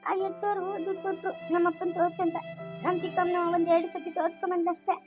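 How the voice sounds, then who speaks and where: A timid, tearful young village woman, played by a woman, with a rural Chikkaballapur Kannada accent, from a homemade family skit. She talks softly and haltingly in a very high voice, as if close to tears. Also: little pitch movement, music in the background. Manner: soft, halting, tearful storytelling.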